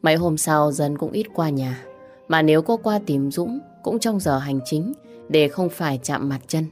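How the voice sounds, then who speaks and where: A woman narrating a story in an even, measured storytelling manner. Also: deep voice, soft background music.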